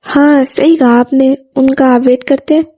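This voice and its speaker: A woman's voice: high voice, fairly even intonation, unhurried, warm tone. A woman voicing a friendly, affectionate young woman who speaks politely, read in a storybook.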